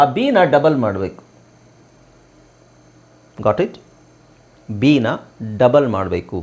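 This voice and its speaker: A man from Karnataka, India, with a slightly high and somewhat mellow voice, teaches English spelling rules in a spoken lesson. He spells words out letter by letter and asks rhetorical questions.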